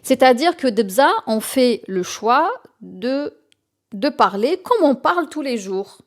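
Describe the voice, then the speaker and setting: A woman's voice: on the high side, expressive, slow pace. Hesitant woman author. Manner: hesitant, many fillers and restarts; mixes in Algerian Arabic phrases. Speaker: guest author. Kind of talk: radio interview.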